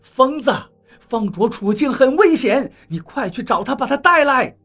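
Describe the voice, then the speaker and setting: Audiobook: woman voicing a fierce man, shouts raised high, husky edge. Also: sing-song, moderate pace, full character voice. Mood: urgent shouting. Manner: loud, urgent shouting. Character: brash fierce man, a fighter shouting orders.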